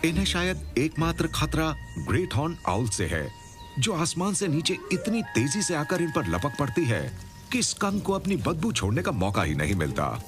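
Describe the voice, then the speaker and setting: A man narrating a nature documentary from a script, with a measured, explanatory storytelling delivery. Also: a little high, huge pitch swings, over music.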